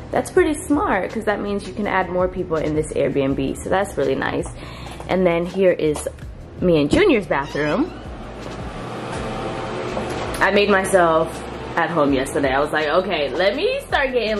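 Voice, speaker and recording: A young woman talking to her camera in a casual, upbeat vlog while on a beach vacation, giving a tour of a rental house. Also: mid-range voice. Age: young adult. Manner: chatty, upbeat, talks straight to camera. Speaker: lifestyle vlogger.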